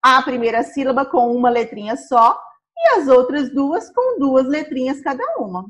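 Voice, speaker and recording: A Brazilian woman teaching a primary school class, sounding out words slowly syllable by syllable. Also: high voice, expressive. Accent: Brazilian Portuguese. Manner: slow, syllable-by-syllable explaining.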